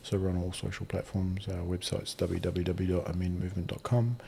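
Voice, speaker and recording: A man with a gravelly voice, talking casually and reflectively as a podcast guest in an earnest, matey way. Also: low-pitched, level tone, brisk, mellow. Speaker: podcast guest, men's mental health advocate. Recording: clearly audible ambient background noise.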